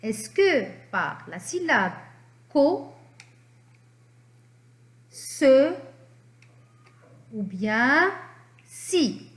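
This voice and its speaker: Woman teacher for small children, encouraging and very slow, in a roomy, echoing space. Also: sits high. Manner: animated, encouraging, drawn-out syllables. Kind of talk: slow reading lesson for young children.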